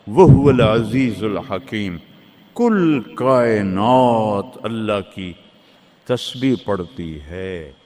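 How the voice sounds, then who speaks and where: Slow, rhythmic male preacher in a reverberant hall. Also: mid-range voice. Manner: rhythmic, repetitive oratory with recited Arabic verses. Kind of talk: sermon. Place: mosque.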